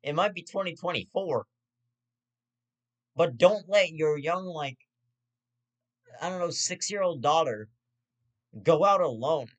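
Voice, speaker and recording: A man's voice: on the high side, animated, a little slow, long pauses. Profane rambling young man ranting. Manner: profane, rambling, stammering restarts, half-joking. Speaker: host of his own commentary show. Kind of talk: ranting casual commentary.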